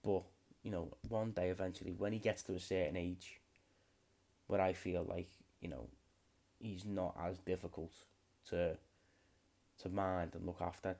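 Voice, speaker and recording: Low and mellow, the voice belongs to a late-twenties UK man who hosts a podcast by himself. He rambles casually and swears a lot.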